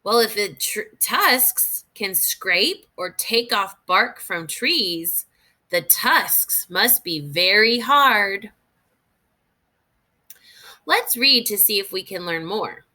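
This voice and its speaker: This is a woman teacher at medium pitch, reading children's nonfiction in a measured, expressive way. Her pauses let her think aloud for young learners.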